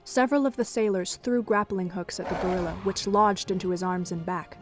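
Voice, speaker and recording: Reading scripted narration for an audio drama, this woman moves briskly, her medium-pitched voice set against gentle background music.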